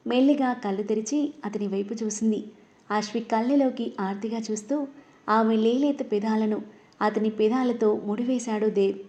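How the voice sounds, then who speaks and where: A woman narrating a romantic family story in a smooth, measured, scripted reading. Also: on the high side, steady tone, warm tone.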